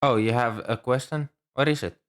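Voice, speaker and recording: With a natural, medium-pitched voice at normal speed, this amateur roleplay performer delivers a scripted, one-sided ASMR scene. His character is a shy, earnest young student librarian who comes across as patient and helpful, if hesitant and apologetic.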